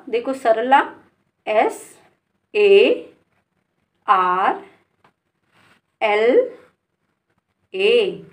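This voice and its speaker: A woman from India teaching a beginner spelling lesson, spelling words out letter by letter and calling her learners "beta". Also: fairly high pitch.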